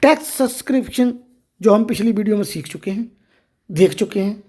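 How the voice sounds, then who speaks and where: A woman presents a step-by-step tutorial. Her voice is mid-pitched and soft-edged, with little brightness. She explains each point by addressing the listener directly. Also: animated, normal speed, slightly rough. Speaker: tutorial host. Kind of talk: step-by-step screen reader tutorial.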